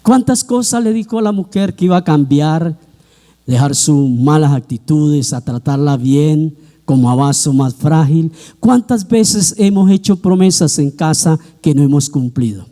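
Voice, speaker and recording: A man's voice: fairly high pitch, dark tone. A man preaching a sermon, acting out quoted voices as he talks. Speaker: pastor.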